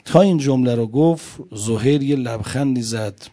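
A male preacher giving a religious sermon, telling a story and speaking straight to his listeners, moving between loud emphatic lines and quiet ones. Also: medium pitch.

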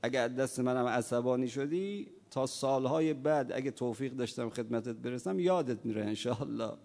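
A man's voice: mid-range voice, creaky. Impassioned preacher man in a reverberant hall. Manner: swings from quiet storytelling to loud impassioned preaching; acts out dialogue in stories. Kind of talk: sermon with storytelling.

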